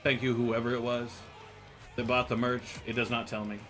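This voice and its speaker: Over music, an American man streaming a game chats casually with his viewers at a moderate pace, his mid-range voice showing little pitch movement. His talk is rambling and joking, broken up by laughs and frequent stammered restarts.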